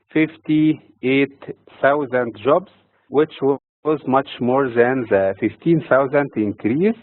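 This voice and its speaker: A man from Egypt delivering a scripted economic and financial markets commentary in a measured, read-from-notes manner. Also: medium pitch, no echo. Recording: dry, tinny phone-like audio.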